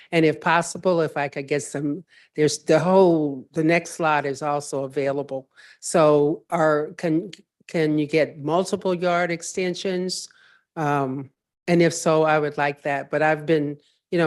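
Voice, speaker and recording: A mature woman with a low voice gives public comment at a local meeting. She is informal and plain-spoken, and a little halting as she makes her point. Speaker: resident giving public comment.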